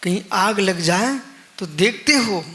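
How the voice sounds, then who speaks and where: Male monk preacher, high and bright, unhurried; repeats short refrains, shifts from forceful stress to quiet. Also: lively intonation. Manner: slow, repetitive teaching with emphatic refrains and rhetorical questions; swings between loud stress and near-hushed low lines. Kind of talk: live religious discourse.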